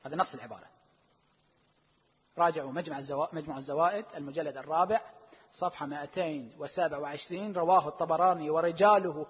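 A man giving a religious lecture, citing sources emphatically, stretching key words and asking rhetorical questions, his volume swinging between loud and hushed. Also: on the high side, slightly rough. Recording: dull lo-fi recording with long hall reverb.

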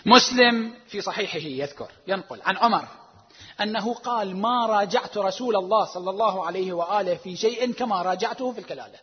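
Husky high-voiced man lecturing in a hall. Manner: emphatic, drawn-out stresses, swings between loud and hushed; rhetorical questions to the audience. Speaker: religious lecturer. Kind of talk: religious lecture citing sources. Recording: dull lo-fi recording with long hall reverb.

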